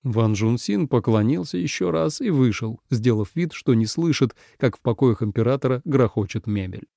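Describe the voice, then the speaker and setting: A man narrating an audiobook in an expressive storytelling manner. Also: mid-range voice, normal speed, creaky, no echo, clean studio sound. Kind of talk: scripted narration.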